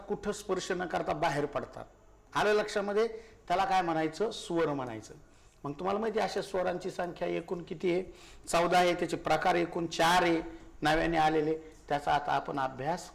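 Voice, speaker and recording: A man's voice: high-pitched, vocal fry. A male teacher giving a grammar lesson, asking questions and answering them himself, repeating key words and often calling his listeners brothers.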